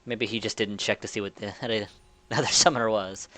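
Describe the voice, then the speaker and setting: A man doing relaxed color commentary on an esports match, easygoing and quick to laugh. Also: on the low side. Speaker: esports co-caster.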